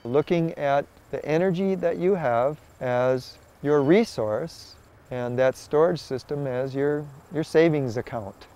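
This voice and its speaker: An older man, an organic farmer, explaining his work in a documentary interview in a measured way, pausing now and then to find his words. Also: fairly high pitch, mellow.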